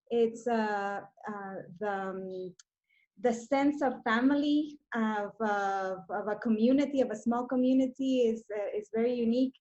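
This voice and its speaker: A woman's voice: a little high, darkish tone, dull audio. A woman in her forties from Honduras, chatting about coffee farming on a video call, with lots of fillers and restarts. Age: 40s. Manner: hesitant, many fillers and restarts. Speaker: coffee trade representative. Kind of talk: casual video call chat.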